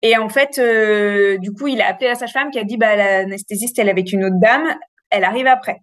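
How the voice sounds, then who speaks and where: A woman in her thirties frankly telling a long personal story in a casual, animated way, with many fillers. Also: mid-range voice, fast talker, dry recording, clean studio sound. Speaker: interview guest.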